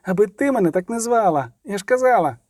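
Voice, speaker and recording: A fierce young archer woman yells and scolds in a high, strained voice, as a male narrator pushes his pitch up to play her. She sounds furious and tense, with a dark, mellow tone under the shout and a dry, close sound. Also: lively intonation, fast, dry recording. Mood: angry.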